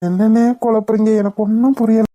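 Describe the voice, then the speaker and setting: A bashful young groom in a cartoon, sincere and a little puzzled, with a woman acting him out. The voice is somewhat high and mellow. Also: fairly even intonation, a little fast, highs cut off, soft background music, close to an everyday voice. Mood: earnest.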